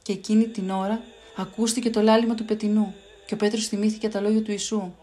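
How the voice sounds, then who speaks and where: A woman reading a Bible story aloud for children in a clear, expressive storytelling voice. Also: medium pitch.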